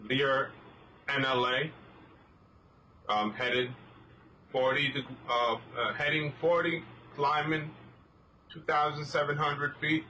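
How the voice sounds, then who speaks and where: A man flying as a sim pilot, talking casually and making halting, unsure pilot radio calls. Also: fairly high pitch, little pitch movement, pushed and bright. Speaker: flight simulator streamer playing a pilot. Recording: distant microphone, faint background noise.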